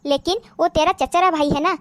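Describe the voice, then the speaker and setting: A woman voicing a caring, worried middle-aged mother-in-law who gives gentle advice. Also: sits high, steady tone, brisk, slight background noise. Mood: advising. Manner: gentle advising.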